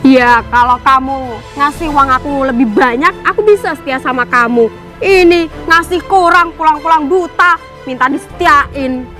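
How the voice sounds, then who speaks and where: A woman's voice: high voice, normal speed, sharp tone, faint music behind. A woman playing an unfaithful young wife who talks to her husband in a scornful, dismissive way. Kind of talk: amateur skit acting.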